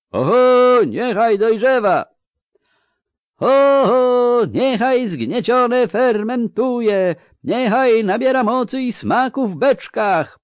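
A man's voice: on the low side, a little mellow, no room sound, pitched above the performer's own voice. A man voicing a portly, pompous court chamberlain who speaks formally and pedantically about etiquette.

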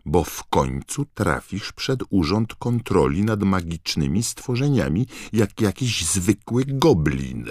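A man voicing a timid, servile female house-elf in an audiobook, with a high, trembling squeak and constant deference. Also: big pitch swings, slow pace, hardly any pauses, darkish tone, no echo, clean studio sound, full character voice. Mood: fretful, disapproving. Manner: servile, calls everyone sir. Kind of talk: audiobook character voice.

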